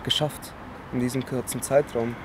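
Male dance trainer, earnest, mid-pitched, slightly halting interview delivery. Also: steady tone, background noise. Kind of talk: documentary interview.

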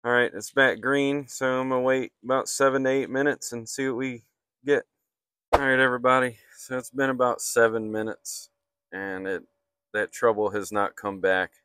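A man's voice: fairly low pitch, level tone, normal speed, fairly bright tone, smooth, dry recording, studio quality. A man working as an HVAC technician, explaining a repair step by step in a matter-of-fact way while he works outdoors on a rooftop, filmed on a handheld phone. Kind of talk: hands-on repair walkthrough. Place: outdoors on a flat commercial rooftop.

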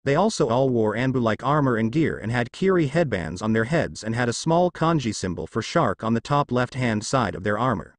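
A man reads fan fiction aloud, with a lively, rising-and-falling delivery. The sound is close and dry, without room echo. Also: medium pitch, fairly quick, few pauses. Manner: steady read-aloud storytelling. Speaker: fanfiction narrator. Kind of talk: scripted narration.

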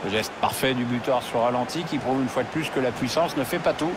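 A man's voice: medium pitch, a little fast, natural voice. A man playing a wry football pundit in a video game, analysing play in a conversational way. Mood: admiring. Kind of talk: analytical sports commentary. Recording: loud stadium noise behind the voice.

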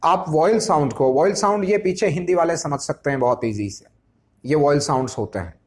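A man's voice: a little high, expressive, darkish tone. Man teaching English pronunciation. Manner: slows down and stretches words when explaining English terms. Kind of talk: explanatory lesson.

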